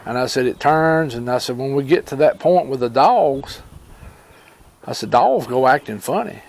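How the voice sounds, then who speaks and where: A storyteller who hosts a homesteading channel, this man from rural Alabama speaks in a Southern drawl at an ordinary male pitch. His animated, folksy fireside tale of personal experience wanders along unscripted, full of pauses and retold conversations.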